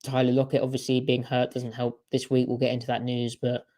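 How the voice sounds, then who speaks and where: A man's voice: medium pitch, monotone, brisk, dark tone. A man co-hosting a podcast in casual sports chat, talking in a chatty way with strings of rhetorical questions. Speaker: podcast co-host.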